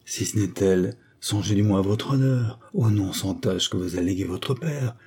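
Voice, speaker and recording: A man reading the part of a young defense lawyer in an audiobook, questioning his client. The voice is low and mellow with a husky edge. He coaxes and presses with calm patience. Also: normal speed. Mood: urging. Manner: coaxing, questioning. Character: young male lawyer, probing, patient, gently persuasive.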